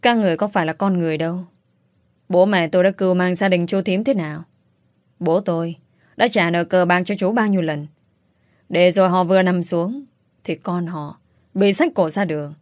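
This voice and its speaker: A woman's voice: on the low side, no room sound, clean studio sound, natural voice. A woman voicing a bitter, grieving young woman. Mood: bitter, accusing. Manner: sharp, accusing, quick outbursts. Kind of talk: audiobook character voice.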